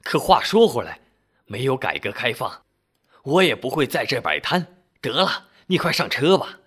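A man voicing a blunt, loud middle-aged street bike repairman who scoffs and talks bluntly in a storytelling recording. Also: medium pitch, sing-song, normal speed, breathy edge. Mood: earnest.

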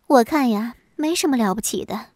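A woman voicing a jealous, blunt, dim-witted young wife in a storybook tale, speaking sharp and stubborn. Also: on the high side, expressive, brisk, dry recording, studio quality. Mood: scornful.

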